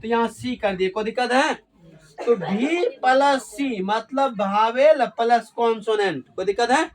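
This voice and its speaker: A male teacher with a high voice leads a classroom grammar lesson. He keeps asking the class questions and repeats each key word back to them. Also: measured pace. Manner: call-and-response questioning, repeats key words.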